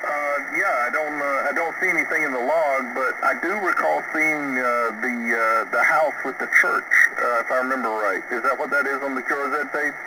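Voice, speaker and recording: A man's voice: medium pitch, a little fast, hardly any pauses. A man working as a ham radio operator, taking calls over a shortwave radio with an easygoing manner and lots of "uh" fillers, spelling call signs phonetically. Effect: voice heard over a shortwave radio receiver. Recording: noisy, distant shortwave radio reception.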